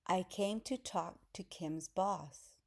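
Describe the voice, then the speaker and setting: A woman reading a keen teenage girl, earnest and reassuring, in a lowish voice taken very slowly. A plain storybook reading for easy readers. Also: vocal fry, exaggerated voice. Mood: eager. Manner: reassuring, eager.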